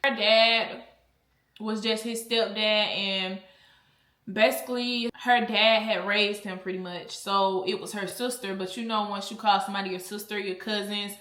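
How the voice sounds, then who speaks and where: A woman's voice: mid-range voice, steady tone, moderate pace, pushed and bright, echoey room. A woman vlogger telling a storytime in a blunt, chatty way while eating, and she often drifts off topic. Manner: chatty, blunt, easily sidetracked.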